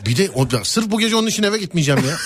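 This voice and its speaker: Animated man hosting a casual show. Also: sits high, fast, noisy background. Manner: animated, jokey storytelling. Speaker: host. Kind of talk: casual chat.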